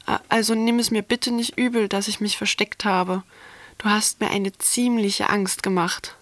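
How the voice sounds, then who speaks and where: A shy, kind-hearted male monster from a storybook speaks softly with a faint tremble, as a woman reads him. He sounds gentle and comforting. The recording is dry and close. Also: mid-range voice, fairly even intonation, normal speed, no room sound, close to an everyday voice. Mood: timid. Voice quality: soft, trembling voice. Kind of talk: storybook reading.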